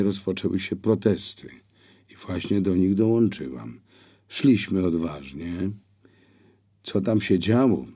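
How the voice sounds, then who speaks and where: A man reading an audiobook, voicing a bold young woman who speaks lively and persuasively. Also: low-pitched, breathy edge, exaggerated voice.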